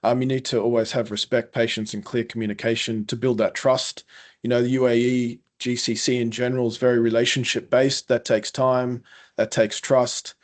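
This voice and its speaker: A man's voice: medium pitch, little pitch movement, moderate pace. A man with a thick Queensland Australian accent, giving advice as a speaker in a panel discussion. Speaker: panelist, importer in the Gulf.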